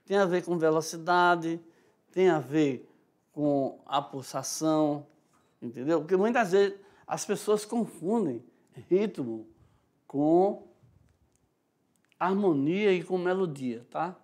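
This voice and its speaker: A man's voice: fairly high pitch, slow, long pauses, darkish tone. A male teacher with a Brazilian Portuguese accent explaining a lesson, checking in often with "tá?" and "né?". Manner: explanatory, frequent "tá?" and "né?" check-ins, demonstrates rhythms aloud. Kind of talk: recorded online class lecture.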